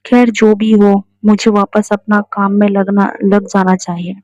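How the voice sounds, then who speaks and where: A woman's voice: medium pitch, flat delivery, unhurried, darkish tone, no echo, lightly acted. A woman voicing a proud, fiery young waitress, read out plainly in her own voice. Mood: rattled. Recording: dull lo-fi recording.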